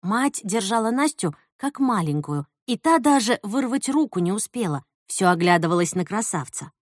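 Expressive woman reading a story. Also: mid-range voice, moderate pace, no room sound, studio quality. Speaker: audiobook narrator. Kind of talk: scripted narration.

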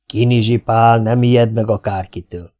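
A man reading an audiobook, voicing a blunt, burly medieval Hungarian war-lord with gruff, old-fashioned speech. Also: fairly low pitch, steady tone, mellow, natural voice. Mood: commanding.

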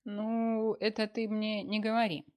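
A man's voice: high-pitched, little pitch movement, measured pace, a little mellow, smooth, pitched above the performer's own voice. A woman voicing a bewildered, defensive grown son in a read-aloud story. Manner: bewildered, protesting.

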